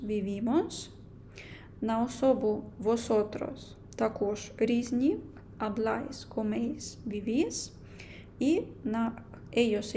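A young woman teaching a language lesson, explaining grammar slowly and carefully, with frequent hesitations. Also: a little high, warm tone, a little hiss or hum.

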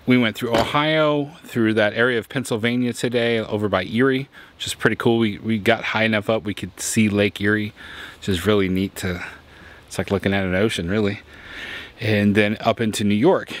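A man's voice: lowish voice, fairly bright tone. A man vlogging casually at his RV campsite, rambling as he explains things step by step. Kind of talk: casual vlog talk.

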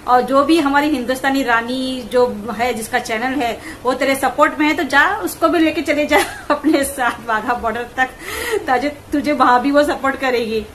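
High-voiced woman scolding in commentary. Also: steady tone, a bit bright, slight background noise, rough recording. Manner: mocking, scolding, rapid rants. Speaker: vlogger.

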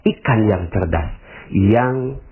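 Animated preacher man on tinny audio. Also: takes it slowly, faint music behind. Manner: animated, acts out quoted voices with big pitch jumps; addresses audience as Bapak Ibu. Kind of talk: motivational religious talk. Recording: tinny phone-like audio message.

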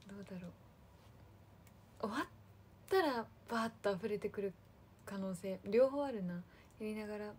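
A woman talks straight to her fans in a relaxed livestream, chatty and friendly, thanking viewers by name. Her voice sits at a middle pitch for a woman. A faint hiss of noise runs under the recording. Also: normal speed, pauses often. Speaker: idol livestream host. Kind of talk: casual livestream chat with fans.

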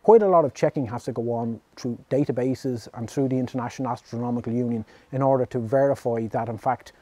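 A man in his fifties with a Dublin Irish accent, explaining in a measured way as an amateur astronomer in a documentary interview. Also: medium pitch, dark tone, no room sound. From Ireland. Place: open-roofed backyard shed observatory. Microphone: lapel mic.

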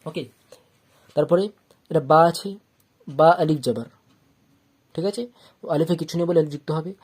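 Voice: mid-range voice, steady tone, moderate pace, mellow, breathy edge. A teacher giving a Quran reading lesson, patiently spelling out letters syllable by syllable and drawing out the long vowels. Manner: patient, repeats each step and checks understanding.

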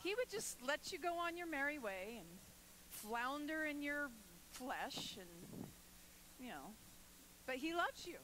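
A woman pastor delivers a sermon in a very high, bright voice. Her preaching is emphatic and builds to forceful, declarative calls. Faint noise hums beneath the recording. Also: big pitch swings, a little slow, long pauses, low-quality recording.

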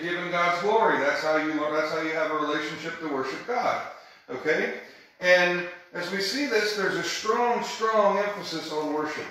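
A man's voice: a little high, sharp tone, very echoey, rough recording. A man leading a Bible study in a church room, teaching conversationally and emphatically and often checking in with his group.

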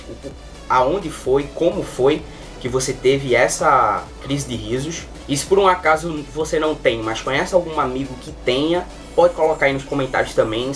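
A man's voice: mid-range voice, fairly bright tone. Young Brazilian man, recorded away from the mic. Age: young adult. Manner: informal, rambling, peppered with filler words. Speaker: vlogger. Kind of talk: casual chat to camera, storytelling. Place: small bedroom, indoors. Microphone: webcam or computer mic at desk distance. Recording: distant webcam mic.

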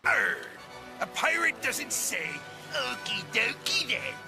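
A man putting on a gruff, swaggering male pirate voice, growling and theatrical. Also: very high voice, big pitch swings, takes it slowly, music in the background, pitched above the performer's own voice, full character voice. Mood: mock-serious.

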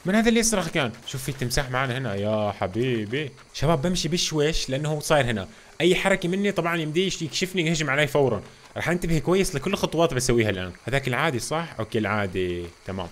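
A young man commentating his gameplay for viewers, reacting loudly and excitedly to what happens on screen. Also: a little high, racing, a little hiss or hum. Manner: reacts loudly to game events, addresses viewers as "guys". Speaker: gaming channel host. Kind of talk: excitable let's-play commentary.

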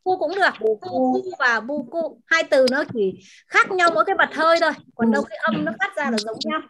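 A woman teacher in an online class, patiently explaining words and pronunciation and repeating them slowly over a video call. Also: high voice, expressive, pushed and bright, a little hiss or hum. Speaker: language teacher.

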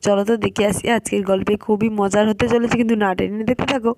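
A woman's voice: medium pitch, fairly even intonation, fast, a little mellow, no room sound. Cheerful woman narrating to children. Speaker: storyteller for children. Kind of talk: doll-play narration.

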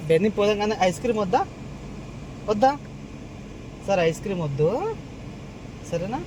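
A young woman talking gently to her small child in a casual home video, coaxing and repeating herself. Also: mid-range voice, expressive, moderate pace. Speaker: mother talking to her toddler. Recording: outdoor street noise with traffic.

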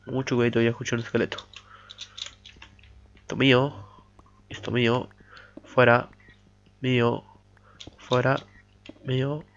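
Gravelly man muttering over a game. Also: medium pitch, level tone, unhurried, long pauses, slight background noise. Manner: chatty, mutters "pa pa pa" while mining. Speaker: gamer. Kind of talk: let's play commentary. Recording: dull lo-fi mic audio.

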